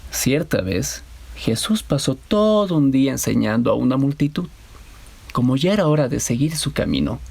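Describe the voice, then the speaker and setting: A man narrating a children's Bible story in a measured storytelling voice. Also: medium pitch, vocal fry, darkish tone, breathy edge.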